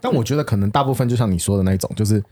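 Fast-talking man, husky voice. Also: fairly low pitch, warm tone. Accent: Taiwanese Mandarin. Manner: laughs often, repeats words for emphasis. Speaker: podcast co-host. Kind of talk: casual chat.

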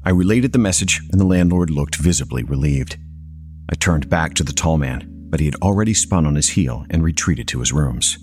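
Deep-voiced male story narrator. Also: lively intonation, fairly quick, darkish tone.

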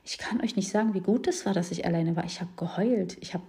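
Frank young mother, low mellow voice. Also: gravelly. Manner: frank and open, often pausing with fillers. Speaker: new mother sharing her birth experience. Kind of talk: casual personal account to viewers.

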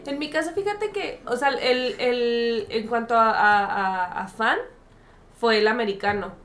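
Lively woman telling stories. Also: a little high, a little slow, reverberant, soft background music. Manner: lively storyteller, laughs often. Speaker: podcast co-host. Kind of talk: casual chat.

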